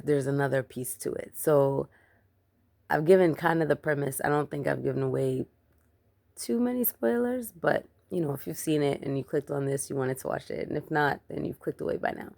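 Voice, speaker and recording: A woman with a low, gravelly voice talks her way through a casual movie review vlog. She is chatty and emphatic, piling on words when she gets going. Her voice is deep with plenty of vocal fry. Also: a little mellow. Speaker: film reviewer.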